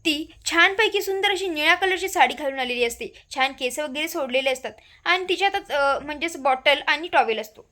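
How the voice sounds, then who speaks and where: A woman's voice: high-pitched, animated, a little fast, sharp tone. A woman casually retelling a TV serial episode in a repetitive, run-on narrating manner. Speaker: storyteller.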